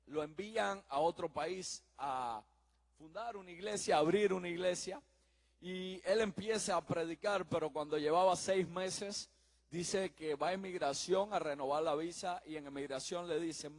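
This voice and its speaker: A man's voice: high-pitched, in a large hall. A man preaching a sermon, earnestly telling anecdotes and addressing listeners directly. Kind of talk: sermon with storytelling.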